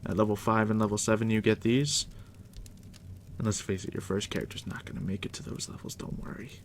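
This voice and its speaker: A crackling fireplace fills the background as a man, as an ASMR roleplay host, guides a new player as dungeon master. He near-whispers softly in a deep voice, unhurried, casual, and drily teasing.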